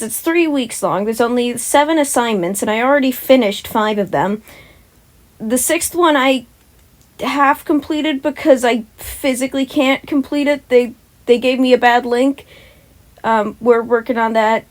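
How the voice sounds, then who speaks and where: A young podfic reader and channel host, whose voice is a little high, chats casually and then reads a story at a moderate pace. She narrates in an informal, amateur manner, sometimes tripping over words and correcting herself.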